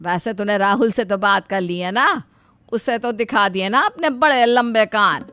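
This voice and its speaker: A woman's voice: medium pitch, moderate pace, a bit bright, lightly acted. A woman voicing the fussing middle-aged mother of the bride in a cartoon. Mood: fretting.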